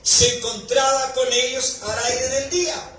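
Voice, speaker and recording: High-voiced preaching pastor in echoey hall. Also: male voice, little pitch movement, measured pace. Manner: preaching with rising, shouted emphasis. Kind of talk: sermon. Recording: echoey hall recording from far off, faint noise.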